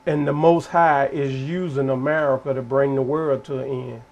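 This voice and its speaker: A man explaining prophecy in a casual, sermon-like way. He is earnest and deliberate and keeps repeating phrases. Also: medium pitch, fairly even intonation, darkish tone, dull audio. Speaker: prophecy teacher.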